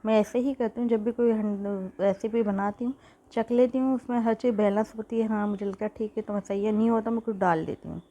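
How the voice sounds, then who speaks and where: A woman with a mellow, darker voice talks through a cooking lesson in her home kitchen, recorded on a phone. Her throat is sore. She keeps up a chatty tone, often checking in with "theek hai.". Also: mid-range voice, steady tone, fairly quick. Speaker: cooking channel host. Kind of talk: casual cooking tutorial.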